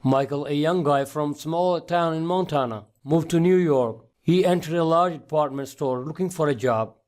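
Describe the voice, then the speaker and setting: A man's voice: on the high side, moderate pace, a little mellow. A man narrating a scripted story as the narrator of an online video.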